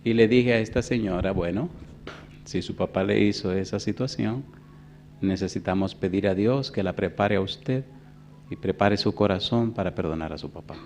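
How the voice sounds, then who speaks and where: A pastor in his fifties preaching a sermon, telling a story in a hushed voice and then rising to loud preaching. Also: fairly low pitch, normal speed, a little hiss or hum. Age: 50s. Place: church.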